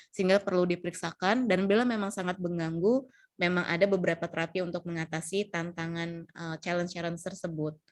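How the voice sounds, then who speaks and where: A young adult woman presents a health lesson on supporting older relatives. She speaks in a mid-range voice, explaining step by step and often pausing to restart a phrase. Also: medium pitch. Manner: explanatory, many fillers and restarts, acts out quoted lines. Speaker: health educator.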